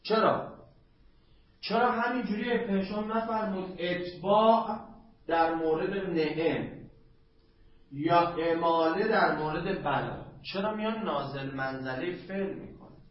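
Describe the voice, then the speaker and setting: A man teaching a seminary class on Arabic grammar. He draws quoted Arabic phrases out slowly and chants them, then talks quickly and casually to his students. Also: sits high. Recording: dull lo-fi classroom recording with faint noise.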